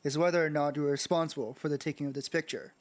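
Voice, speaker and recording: A man's voice: on the high side, steady tone, racing, close to an everyday voice. A man voicing a stern judge questioning a witness in a game read-through.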